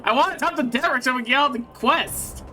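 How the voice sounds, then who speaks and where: A man's voice: very high voice, fast talker, bright, forceful tone, slight background noise. A man streaming a video game, chatting casually with friends and laughing often. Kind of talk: casual chat while playing a game.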